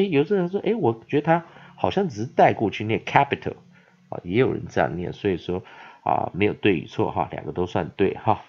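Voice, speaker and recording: A man teaching an English pronunciation lesson, sounding words out slowly and repeating them, with many filler sounds between phrases. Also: fairly low pitch, darkish tone, husky. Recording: dull lo-fi audio.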